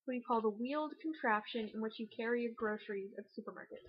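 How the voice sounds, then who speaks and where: Young canadian woman, canadian accent, kinda high and husky, chatty and rushed, muffled webcam sound. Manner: chatty, rushed and self-mocking. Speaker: vlogger. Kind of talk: casual accent challenge video.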